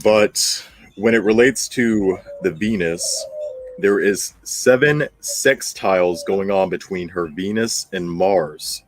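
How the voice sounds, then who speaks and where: The audio is poor, and a deep-voiced man takes his time speaking. He's the host of an astrology commentary channel who blends reading with ad-libbing, delivering blunt, emphatic lines and repeating phrases for emphasis.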